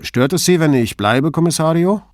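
A man's voice: low voice, big pitch swings, normal speed, fairly bright tone, no room sound, clean studio sound. A man voicing a sheepish boat driver who speaks hesitantly and is eager to please, in an audiobook.

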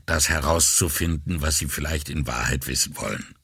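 A man reading an audiobook voices a calm, politely ironic and skeptical male police commissioner. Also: rumbling low, normal speed, creaky, breathy edge, no room sound, studio quality, heavily acted. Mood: dry. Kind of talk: audiobook character voice.

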